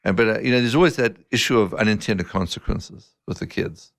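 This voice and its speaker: A middle-aged man, a surgeon as guest, telling relaxed stories in a casual interview and often poking fun at himself. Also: lowish voice, fairly quick, creaky, dry recording, studio quality. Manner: relaxed anecdotal storyteller, self-mocking, laughs often. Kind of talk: casual podcast interview storytelling.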